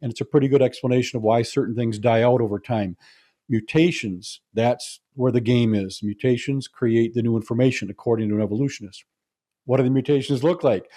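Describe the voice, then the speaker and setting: A man's voice: medium pitch, fairly quick, mellow. A man giving a lecture to an audience, explaining his points in a conversational, humorous way. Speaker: speaker.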